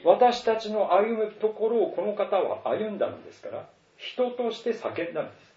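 A man's voice: sits high, expressive, moderate pace, warm tone. Earnest male pastor preaching in a roomy hall. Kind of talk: sermon. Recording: roomy, distant, dull sound.

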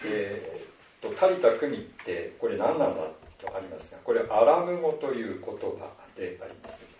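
A man preaches a sermon to his congregation, unhurried and sprinkled with soft hesitations. He is heard from a distance in a roomy church hall. The recording is dull and lo-fi with a faint hiss. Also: lowish voice, very animated. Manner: measured, with many soft fillers. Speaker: pastor.

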